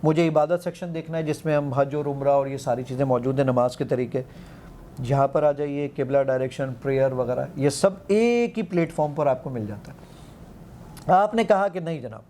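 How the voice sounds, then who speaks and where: A man's voice: medium pitch, dark tone, slight background noise. A man, an app founder, eagerly demonstrating his app in an interview, quoting the commands he gives it and counting aloud.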